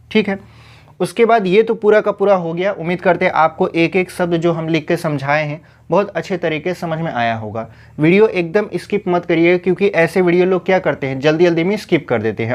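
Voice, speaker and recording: Young male tutor, slightly high voice, patient step-by-step explainer for exam prep. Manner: explains step by step with rhetorical questions. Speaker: Hindi teacher. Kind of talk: exam-prep grammar lesson.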